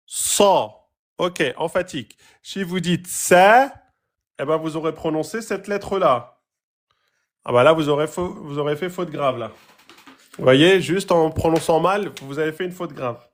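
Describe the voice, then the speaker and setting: A man's voice: fairly high pitch, normal speed. A man teaching a lesson on pronunciation, stressing and repeating sounds to drill them. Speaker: Quran recitation teacher. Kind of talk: classroom-style lesson.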